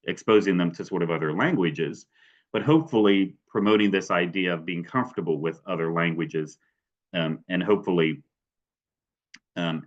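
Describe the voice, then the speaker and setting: The presenter, from West Virginia in the USA, gives an academic webinar talk full of hedges such as "sort of" and "kind of," frequently restarting what he says. His voice is low and the sound is lo-fi.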